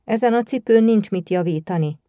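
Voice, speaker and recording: Woman reading as a gruff old shoemaker. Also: mid-range voice, mellow, dry recording, clean studio sound, lightly acted. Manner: grumbling, curt.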